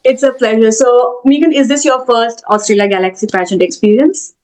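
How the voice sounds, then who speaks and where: A woman's voice: a little high, a little fast, a little mellow, poor audio. A woman hosting a podcast interview, upbeat and encouraging toward her guests. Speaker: podcast host.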